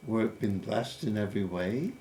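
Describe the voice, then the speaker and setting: A man's voice: on the low side, expressive, moderate pace, warm tone. A man in his fifties hosting a casual, playful chat about scripture, musing aloud and laughing easily. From United States. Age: 50s. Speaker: host. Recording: faint background noise.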